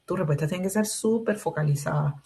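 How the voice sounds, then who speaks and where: A woman's voice: sits low, fast, creaky, warm tone. A Venezuelan woman presenting a live webinar on job interviews, explaining step by step and often checking in with "ok?", heard over a video call mic. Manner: explanatory, frequent "¿ok?" check-ins. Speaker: webinar presenter, recruitment trainer.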